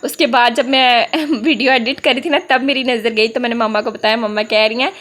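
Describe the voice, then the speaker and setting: Young Pakistani woman, Urdu accent with Punjabi touches, high and chatty, for a vlog voice-over. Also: fairly even intonation, a little fast, a bit bright. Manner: chatty storytelling, peppered with "na", often laughing. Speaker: vlogger. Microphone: voice-over mic.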